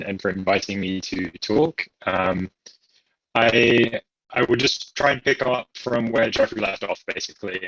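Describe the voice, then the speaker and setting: A man's voice: fairly low pitch, fairly bright tone, dry recording, lo-fi sound. A man giving a technical lecture over a video call, hesitant, with many fillers and restarts. His call audio is staticky. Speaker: invited speaker. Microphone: video call computer mic.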